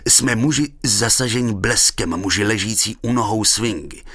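A man's voice: lowish voice, fairly bright tone, breathy edge, dry recording, studio quality. A man voicing a big, eccentric surrealist poet who talks in a pompous, declaiming way.

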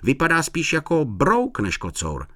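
A man's voice: on the high side, huge pitch swings, pushed and bright, no room sound, studio quality, voice pushed up, exaggerated voice. A man voicing an eager, stubborn little boy in a storybook reading, boastful and insistent. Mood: curious.

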